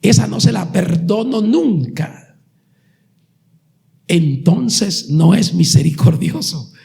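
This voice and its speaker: Gravelly high-voiced preacher. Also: male voice, expressive, slow pace, dark tone. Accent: Colombian Spanish. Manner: preaching with dramatic retellings and sudden raised passages. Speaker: pastor. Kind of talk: sermon.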